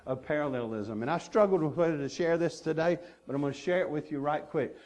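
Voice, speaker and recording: A male pastor delivers a sermon in an earnest, emphatic manner, driving his points home with repeated phrases. His voice sits a little higher than most men's. He speaks from a church stage mic. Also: a little mellow. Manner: earnest preaching with emphatic repetition.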